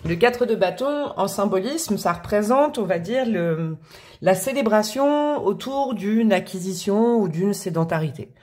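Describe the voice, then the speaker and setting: A woman's voice: medium pitch, lively intonation, unhurried, darkish tone. A woman from France hosting a casual tarot reading, chatty and bubbly with slangy, affectionate talk. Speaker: tarot reader and channel host.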